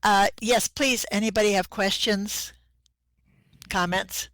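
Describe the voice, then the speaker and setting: A woman moderates the question round of an online conference, talking slowly and chattily. The sound is dry and close, as over a video call. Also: mid-range voice, steady tone, a bit bright, no room sound.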